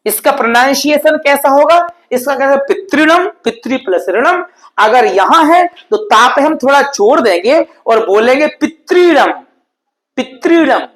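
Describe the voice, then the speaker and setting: A man teaching an exam-prep grammar lesson at a board, explaining patiently and repetitively, sounding out example words slowly and often checking in with his students. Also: very high-pitched, fairly bright tone, low-quality recording. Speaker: Sanskrit teacher.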